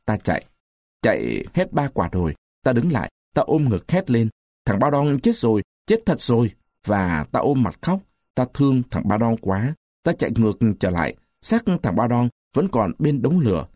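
A man tells a first-person war story in a dark, mellow voice with a lively, rising and falling pitch. The recording is dry and close, with no room sound. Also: dry recording. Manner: dramatic first-person storytelling, voicing characters' quoted lines. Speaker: narrator. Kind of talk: scripted story reading.

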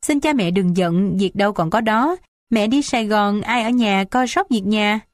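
A woman voicing a calm, dutiful young daughter-in-law in an audiobook, soft and composed. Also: on the low side, moderate pace, no room sound, clean studio sound. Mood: gentle.

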